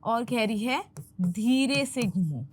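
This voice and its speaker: Female language teacher, high bright-pitched voice, unhurried delivery, patient and repetitive. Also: lively intonation, a little hiss or hum. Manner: patient, repeats phrases slowly for learners. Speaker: English teacher. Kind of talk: explaining film dialogue in a language lesson.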